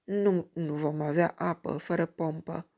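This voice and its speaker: A woman voicing a practical, calm male barman at a roadside diner in a read-aloud story. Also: sits low. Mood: matter-of-fact.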